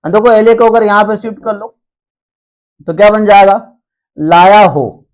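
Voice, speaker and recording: A male chemistry teacher giving a classroom lecture. He keeps asking rhetorical questions and slows down to repeat memory tricks, speaking informally and reassuringly to his students. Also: high voice, little pitch movement, a little mellow. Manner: repeats rhetorical questions and drills mnemonics slowly.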